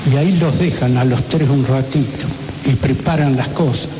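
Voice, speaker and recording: A man giving emotional first-person testimony, halting and repeating words, acting out shouts and gunshots. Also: medium pitch. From Argentina. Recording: echoey room with loud noise.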